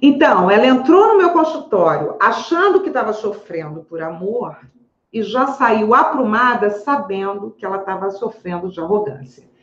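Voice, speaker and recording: A woman psychologist talking to camera in her office, animated and chatty, often tagging on questions. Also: medium pitch, normal speed. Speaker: psychologist, channel host. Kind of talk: casual educational talk to camera. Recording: echoey room, slightly dull audio.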